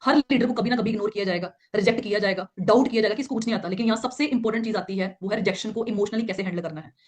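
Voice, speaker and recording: A woman's voice: mid-range voice, very fast, darkish tone. A woman trainer explaining communication in network marketing point by point, often checking in with her listeners and acting out pleading example lines. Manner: acts out quoted examples in a pleading voice. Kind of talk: slide-based training talk.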